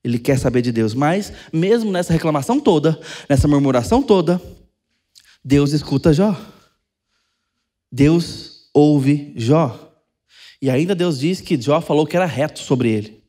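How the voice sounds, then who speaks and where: A Brazilian pastor preaching from the pulpit in a fairly high but dark, mellow voice. He talks conversationally, drops to quiet asides and then climbs into stressed, drawn-out points. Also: expressive. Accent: Brazilian Portuguese. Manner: conversational preaching, swings between soft asides and emphatic rises. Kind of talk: sermon. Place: church sanctuary.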